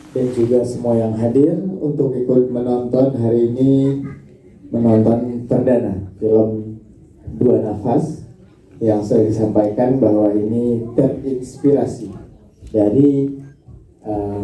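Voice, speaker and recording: A male journalist addressing a press conference in a slow, formal manner. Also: mid-range voice, mellow. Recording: echoey hall from far off.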